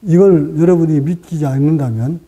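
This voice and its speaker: A man teaching as a Buddhist meditation master, speaking in short, deliberate phrases with pauses and rising for emphasis. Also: fairly high pitch, mellow, low-quality recording. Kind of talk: dharma talk.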